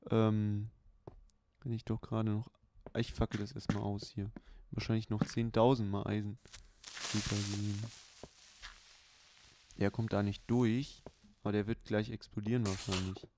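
A man hosting a let's play, giving unhurried, chatty running commentary with many fillers. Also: lowish voice, little pitch movement, warm tone. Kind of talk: casual gameplay commentary. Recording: clear background hiss.

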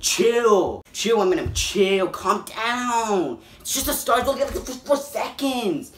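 A man hosting a reaction video, excitable and swearing constantly, breaking into loud yelps of disbelief. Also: sits high, unhurried, slight background noise. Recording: echoey room.

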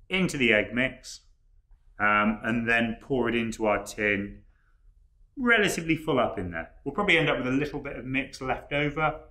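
Chef explaining a recipe in an echoey hall. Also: male voice, medium pitch. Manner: relaxed, explanatory, many ums. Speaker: head chef. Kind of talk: cooking demonstration. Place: large wood-panelled college hall, indoors.

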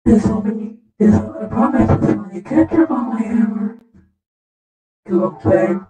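High-voiced man with a cave echo. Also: measured pace, mellow. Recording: cavernous echo, distant from the mic, faint music.

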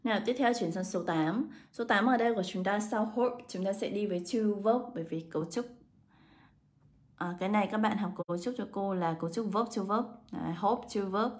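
A woman English teacher, walking students through exam answers step by step and slowing down to read English words aloud. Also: mid-range voice, a little mellow. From Vietnam. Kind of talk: exam answer walkthrough lesson.

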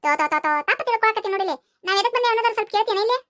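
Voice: pushed and bright, no room sound, studio quality. A voice actor playing a chatty, teasing village boy in a cartoon, speaking with a North Karnataka Kannada accent. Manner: high, rapid, teasing. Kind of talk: cartoon voice acting.

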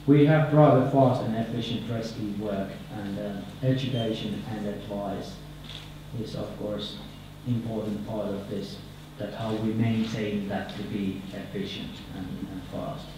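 A man in his thirties with a Finnish accent giving a conference presentation at a podium microphone, halting and repeating words, his phrases trailing off. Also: fairly low pitch, fairly even intonation, noisy background. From Finland. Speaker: conference speaker. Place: conference hall, indoors. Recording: echoey hall, picked up from far off.

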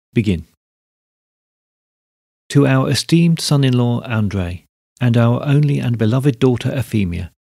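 A man reading the part of an anxious old peasant woman who dictates a letter, speaking crossly and pleadingly in a gravelly, husky voice. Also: medium pitch, dark tone, no room sound, studio quality, full character voice.

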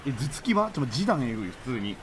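Jumpy, wildly expressive male streamer. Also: mid-range voice, heavy background noise. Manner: excitable, jumpy outbursts, rapid joking asides. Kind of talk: live horror game commentary.

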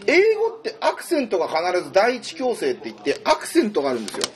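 A man's voice: sits high, wildly swooping pitch, fast talker, background noise. A man tutoring in a casual, chatty way, thinking aloud as he explains. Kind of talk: casual whiteboard lesson.

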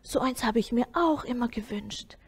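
A woman voicing a restless, impulsive schoolboy in a children's story, pleading and excitable. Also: a little high, moderate pace, slightly rough. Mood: impressed.

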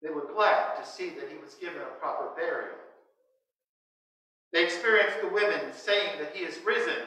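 Standing before the altar, a masked priest from the United States in his sixties delivers a sermon from his notes in short, measured phrases with pauses. His voice is a little high with a sharp tone, heard through a distant mic amid heavy church echo.

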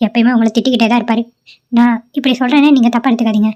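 A woman's voice: on the high side, steady tone, rapid-fire, natural voice. A woman voicing an earnest, caring young woman. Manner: earnest, gently scolding. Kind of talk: cartoon drama voice acting.

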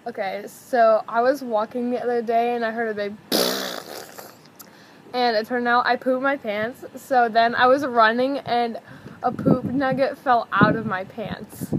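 Giggly teenage girl with stifled giggles, unhurried. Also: a little high. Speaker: video host. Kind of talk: casual challenge vlog chat. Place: outdoors on a house patio. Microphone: camera mic at table distance. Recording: noisy outdoor camera recording.

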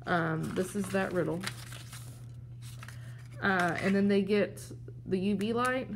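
A woman's voice: mid-range voice, takes it slowly, slight background noise. A woman teacher giving a plain, step-by-step walkthrough of a classroom game, showing the props as she talks. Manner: plain explanatory, steady step-by-step.

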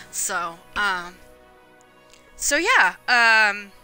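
A woman's voice: medium pitch, big pitch swings, very slow, sharp tone, clean tone, soft background music, poor audio. A laid-back young woman streaming games live, chatting casually and rambling with lots of fillers. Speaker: gaming streamer.

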